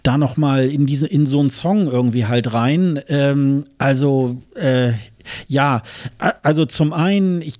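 A man's voice: medium pitch, unhurried, a little mellow, dry recording, clean studio sound. A man co-hosting a podcast in casual chat, hesitant, with many fillers and restarts. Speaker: podcast co-host.

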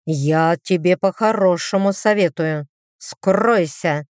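A woman voicing a smug, teasing male demon who speaks slowly and a little lower than her own voice, in a drawl. The lines are read close to the microphone, with no room sound. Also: a little mellow, no echo.

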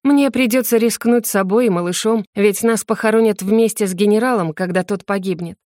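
A woman narrating a first-person fantasy audiobook in a gentle, expressive storytelling manner. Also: mid-range voice, a little fast, no room sound, studio quality.

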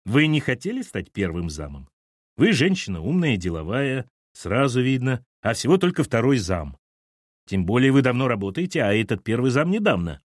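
A man voicing a gruff middle-aged police captain who asks blunt questions in an audiobook. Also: mid-range voice, sing-song, normal speed, no room sound, clean studio sound, voice pushed up. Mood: probing, irritated.

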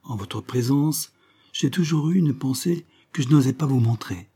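A man's voice: medium pitch, expressive, normal speed, dark tone, slightly rough, voice pushed up. A man voicing an earnest young suitor. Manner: earnest, formal.

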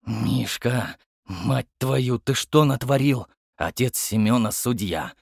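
A man voicing an irritable, gruff police captain who growls and snaps, in an audiobook. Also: medium pitch, takes it slowly, no echo, studio quality, exaggerated voice. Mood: alarmed. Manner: growling, snapping.

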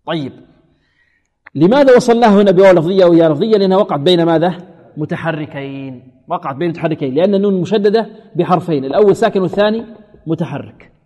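A man with a fairly high voice leads a tajwid lesson. He questions his students, answers himself and drills words slowly. His voice rings through a large hall with a long reverb. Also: darkish tone. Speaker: Quran recitation teacher.

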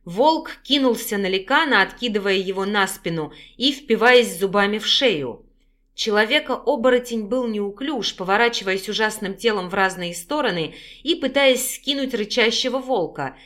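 A woman reads a fantasy novel aloud as narrator, in a steady, even storytelling manner. Her voice sits at a medium pitch for a woman. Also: normal speed. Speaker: audiobook narrator. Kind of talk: scripted narration.

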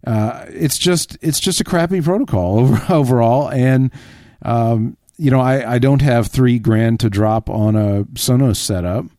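A man's voice: mid-range voice, unhurried, dark tone, dry recording, studio quality. A man co-hosting a tech podcast, chatting in an informal, opinionated way. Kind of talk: casual chat.

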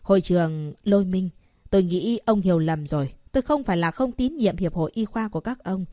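A woman voicing an angry, protective royal father who shouts at a doctor treating his daughter. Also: fairly low pitch, fairly quick, no room sound, studio quality, natural voice. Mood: pleading. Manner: shouting, indignant and urgent.

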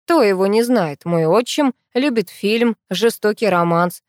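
A woman's voice: mid-range voice, expressive, a little slow, dry recording, clean studio sound, close to an everyday voice. A woman voicing a polite, easygoing young man in an audiobook reading. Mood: relaxed.

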